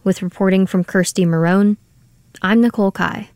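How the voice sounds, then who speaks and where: A woman radio reporter reading a scripted news story in a clear, even way. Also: mid-range voice, moderate pace, no room sound, studio quality.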